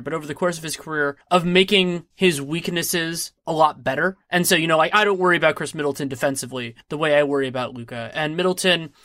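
A man's voice: a little high, pushed and bright, no room sound, studio quality. A man co-hosting a sports podcast, giving emphatic, opinionated analysis in a conversational style.

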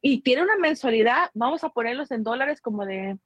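High-voiced woman telling animated stories. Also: brisk, dry recording, muffled recording. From Guatemala. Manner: animated storyteller who mimics relatives; mixes in English phrases. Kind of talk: casual chat.

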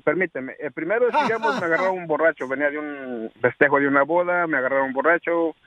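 A man from Puebla calling in to a radio show, telling his story in a hesitant, halting way over the phone. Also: a little high, a bit bright, no echo. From Puebla, Mexico. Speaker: caller. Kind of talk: phone-in call. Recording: hissy phone line.

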